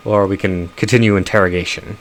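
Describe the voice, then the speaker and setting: A man's voice: sits low, steady tone, fairly quick. A man streaming a game live, chatting casually with frequent chuckles and fillers. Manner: chuckles often, loose with fillers.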